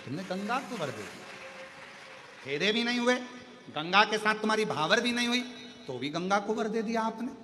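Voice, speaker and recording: Man voicing a hushed pleading demon. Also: very animated, moderate pace, pauses often, heavily acted. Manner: low, hushed, imploring. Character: pleading male demon, humble before god. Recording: echoey hall with devotional music.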